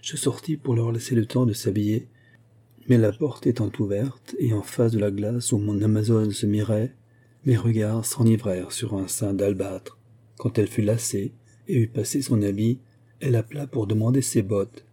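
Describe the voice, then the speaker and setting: A man reading a classic memoir aloud in a measured, elegant way. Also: lowish voice, fairly even intonation, dark tone, slightly rough. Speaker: audiobook reader. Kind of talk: scripted literary narration.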